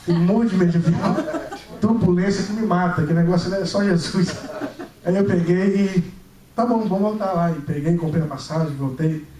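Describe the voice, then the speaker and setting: A young man preaching a sermon, telling a personal testimony with lively storytelling and acted-out dialogue, recorded in a church. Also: high-pitched, moderate pace, crowd noise. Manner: animated storytelling, acting out dialogue. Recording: echoey church hall, mic at a distance.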